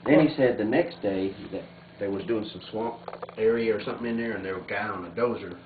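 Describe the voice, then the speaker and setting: A man with a lowish voice tells family stories and reads a letter aloud in an informal setting, talking fast, animated, and laughing easily. The audio is muffled and phone-like, echoey and distant, with a noisy room around him.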